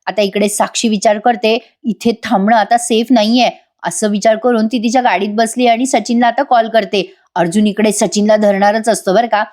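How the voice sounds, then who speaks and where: The young woman reviewing a TV serial episode speaks in voice-over, chatty and directly to viewers. Her mid-range, darkish voice stays steady and a little fast, with few pauses.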